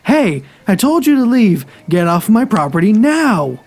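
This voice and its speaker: A man voicing a hostile young woman in a horror story, curt and shouting. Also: high-pitched, very animated, unhurried, soft background music, voice pushed up, full character voice.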